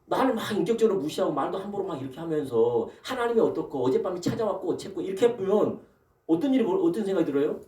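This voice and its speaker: A man's voice: sits high, very fast. A man preaching a sermon as pastor, throwing rhetorical questions to the congregation and calling for amens. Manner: animated preaching with rhetorical questions and calls of amen. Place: church sanctuary. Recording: echoey church hall from a distant mic.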